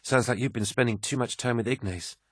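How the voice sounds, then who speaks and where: A man with a husky voice reading the part of a curious young woman chronicler, gently probing and a little hesitant. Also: medium pitch, fairly quick, no room sound, clean studio sound, pitched above the performer's own voice, close to an everyday voice. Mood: earnest.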